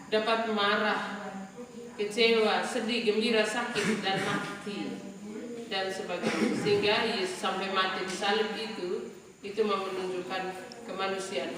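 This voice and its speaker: A woman teaching a religion class, explaining slowly and drawing out her words, with frequent "ya" asides. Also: medium pitch. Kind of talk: classroom lecture. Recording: echoey room from far off, noisy.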